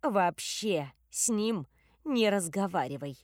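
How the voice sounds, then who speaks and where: A woman's voice: a little high, animated, no room sound, studio quality, natural voice. A woman voicing a mocking young female thief in an audiobook, cool and sneering. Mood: threatening. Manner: mocking, slow and deliberate when threatening. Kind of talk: audiobook character voice.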